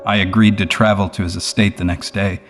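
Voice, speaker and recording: A man reading a scripted first-person horror story in a grave, measured storytelling manner. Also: sits low, flat delivery. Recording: prominent music behind the voice. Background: music.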